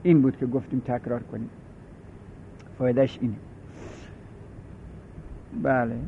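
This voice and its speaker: A man teaching a classroom grammar lecture, methodically repeating and spelling out word patterns. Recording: tinny phone-like audio with faint rumble.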